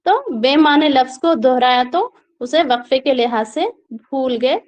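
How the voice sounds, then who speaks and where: A woman's voice: high voice, expressive, unhurried, a little mellow. A woman teacher giving an online exam-prep lecture, explaining step by step and often checking in with viewers.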